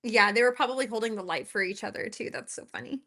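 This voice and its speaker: Bright, giggly woman streaming live. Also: on the high side, fast talker. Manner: chatty, giggly, talks to her viewers while fixing her audio. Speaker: livestream host reacting to videos. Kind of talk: casual live-stream chat. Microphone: laptop built-in microphone.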